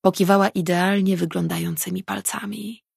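A woman reading a novel aloud as an audiobook narrator, in calm, even storytelling. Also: mid-range voice, normal speed, vocal fry, husky, dry recording, clean studio sound. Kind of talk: scripted narration.

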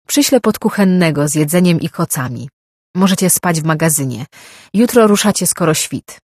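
Give me a narrator playing a gruff male overseer, shouting commands in a dry, close voice. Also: medium pitch, lively intonation, moderate pace, no room sound, close to an everyday voice. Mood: commanding. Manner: barking orders.

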